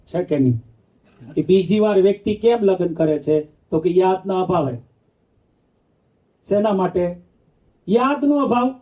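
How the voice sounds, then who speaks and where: A male monk with a high-sitting voice delivers a storytelling sermon at a measured pace with long pauses. He playfully acts out the characters and teases his listeners. The recording has a dull, lo-fi sound.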